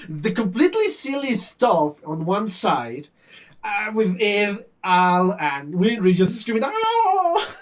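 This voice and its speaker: A man hosting an anime reaction video, recapping the episode in a chatty, animated way with frequent "uh" fillers. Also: high voice, far from the mic.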